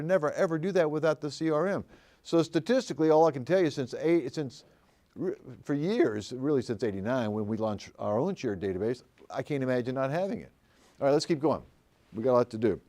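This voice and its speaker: Talking fast and expressively, an older man with a warm, medium-pitched voice addresses a live seminar audience of commercial real estate agents. He teaches through folksy stories and by asking the room questions.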